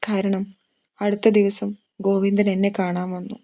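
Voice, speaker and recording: A woman's voice: medium pitch, level tone, measured pace, warm tone, natural voice. A woman voicing a grieving old grandmother who confesses a long-kept secret in a trembling voice. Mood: shaken, tearful.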